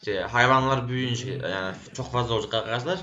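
A man's voice: medium pitch, quick pace, sharp tone, lo-fi sound. A man giving casual gameplay commentary, talking to himself and scolding the animals and the game as he plays. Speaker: gaming YouTuber.

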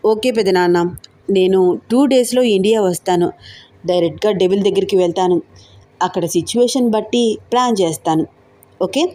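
A woman's voice: mid-range voice, moderate pace, mellow, close to an everyday voice. Breezy self-assured young woman in an audio romance, voiced by the narrator. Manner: breezy, mixing in English phrases. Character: young woman, confident and upbeat.

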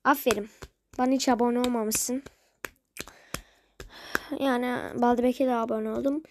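A woman's voice: fairly high pitch, steady tone, a little slow, a little hiss or hum. A woman chatting casually to viewers, rambling and grumbling in exasperation. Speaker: video creator.

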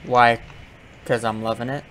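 A man's voice: mid-range voice, level tone, unhurried, a bit bright, slight background noise. A man chatting casually while playing a video game, goofy and playful, tossing out silly sound effects. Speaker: gamer co-host. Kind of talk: casual gaming chat.

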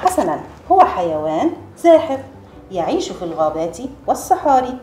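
Female kindergarten teacher, encouraging, sing-song delivery, slow clear drilling of sounds, soft music underneath. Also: mid-range voice, very animated. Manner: encouraging, repeats letter sounds slowly and clearly. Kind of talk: Arabic letter lesson for young children.

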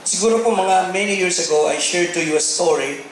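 A middle-aged Filipino man preaching a sermon as pastor, animated and mixing in English, at times rising to shouts. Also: high voice, fairly quick. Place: large church hall. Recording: very echoey hall with faint noise.

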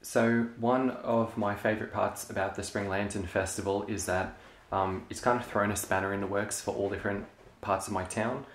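A man's voice: fairly low pitch, normal speed, few pauses. Young man chatting through a home tour. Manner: relaxed, chatty, frequent ums. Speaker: LEGO hobby vlogger. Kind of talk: casual show-and-tell. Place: carpeted room at home. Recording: echoey room, faint noise.

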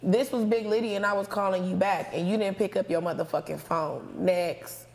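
Speaking at a normal speed in a gravelly, darkish mid-range voice with fairly even intonation, an American woman hosts a laid-back call-in talk show. She's brash, playful and heavy on slang and swearing. The small couch-filled studio lounge gives a noisy, echoey recording with clicks.

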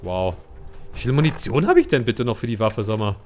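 A man's voice: on the low side, expressive, a little fast, darkish tone, a little hiss or hum. A man from Germany giving casual gameplay commentary as a let's play host, chatting to himself and his game companion.

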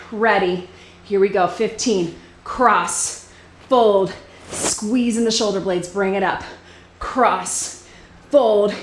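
A woman's voice: fairly high pitch, echoey room, a little hiss or hum. Out-of-breath woman coaching a workout. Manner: encouraging cues while exercising along. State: a little out of breath. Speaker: fitness instructor.

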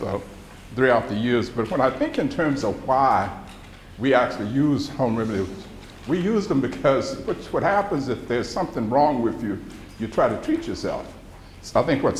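In a mid-range voice, a Mississippi-accented man in his seventies, originally from central Mississippi and now a retired pharmacology professor, gives an informal, folksy guest lecture sprinkled with personal stories. He addresses a seated audience in an indoor lecture room via a podium microphone. The sound is that of a live hall, with roomy echo and background noise.

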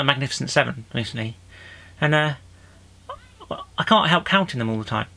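A male UK comedian with a gravelly, slightly bright voice records a comic lockdown diary, with faint hiss or hum in the background. He rambles, keeps restarting his sentences, and breaks into high-pitched pretend weeping.

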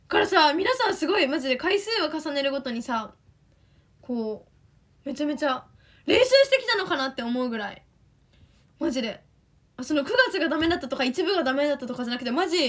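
A young woman with a Kansai accent, chatting excitedly on a livestream as an idol, reading fan comments. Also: high voice. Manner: chatty, excitable, quick bursts of enthusiasm.

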